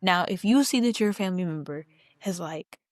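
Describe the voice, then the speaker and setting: A woman's voice: fairly low pitch, expressive, normal speed, no echo, clean studio sound. A young woman co-hosting a casual podcast, blunt and reading out listener stories. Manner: blunt, reads listener submissions aloud. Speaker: podcast co-host. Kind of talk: casual chat.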